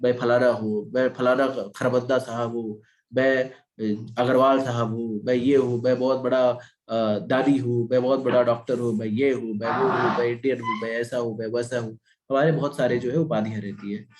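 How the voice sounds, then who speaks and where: A man's voice: mid-range voice, moderate pace, echoey room. A man giving a devotional scripture class, asking questions and answering them himself. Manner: animated, asks and answers own questions. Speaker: Gita teacher.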